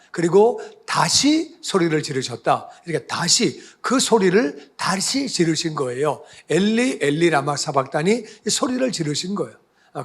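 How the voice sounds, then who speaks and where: A man's voice: a little high, husky. A male pastor giving a conversational sermon, often asking the congregation questions.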